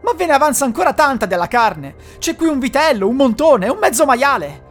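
The ogre's kindly, frightened old wife, as a narrator puts her on. She pleads in a high, anxious voice that climbs and falls. Faint music sits under the storybook reading. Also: sing-song, fairly quick. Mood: pleading. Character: kind, fearful wife of the ogre, older woman.

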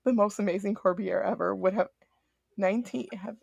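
A woman co-hosting a podcast, reading a word game aloud haltingly with laughs, her call audio cutting out so the volume comes and goes. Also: medium pitch, fairly even intonation, vocal fry, a little mellow. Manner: reads haltingly, laughing between phrases. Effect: audio cutting out, uneven volume. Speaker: podcast co-host.

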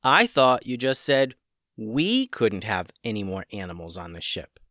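A man's voice: on the low side, very animated, unhurried, pushed and bright, no room sound, studio quality, exaggerated voice. A man voicing a young male shipmate in a storybook, speaking in an earnest, explaining way. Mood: defensive.

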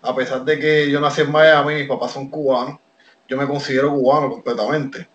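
A man from Puerto Rico with a Puerto Rican Spanish accent, telling his wrestling story as a podcast guest. He talks in an animated way, with many fillers and restarts. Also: mid-range voice, a little fast, roomy sound, dull audio. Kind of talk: casual interview storytelling.

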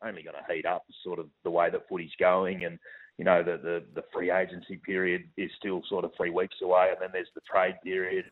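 An Australian man, a football club executive, answering radio interview questions over the phone in a measured way with many fillers and restarts. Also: low-pitched. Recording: tinny phone line.

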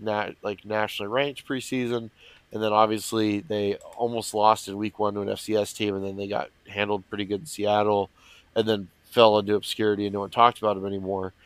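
A lowish male voice, clearly congested and nasal, as though he cannot breathe through his nose. He talks casually and emphatically as a sports analyst. The sound is dry, with little room in it. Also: no echo, rough recording. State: congested, stuffed-up nose from allergies.

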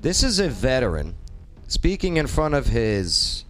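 A man's voice: mid-range voice, big pitch swings, unhurried, fairly bright tone, faint music behind. A man hosting a live talk show from a studio with casual, informal, punchy banter. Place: radio studio.

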